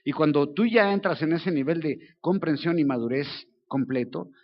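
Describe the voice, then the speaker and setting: At a church service, a Mexican man preaches a sermon at a moderate pace in a voice that sits a little high for a man. He keeps things conversational and checks in with his listeners repeatedly, though the recording is dull and lo-fi.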